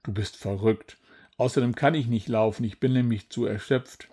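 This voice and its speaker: A man's voice: medium pitch, normal speed, mellow, natural voice. A man voicing a small, whiny, nervous male bird in a storybook reading. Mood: doubtful.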